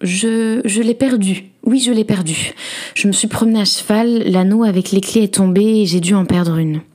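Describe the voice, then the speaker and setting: A woman's voice: lowish voice, a little fast, dark tone, close to an everyday voice. A woman voicing a frightened young wife who stammers and pleads for her life in a storybook reading. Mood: fearful.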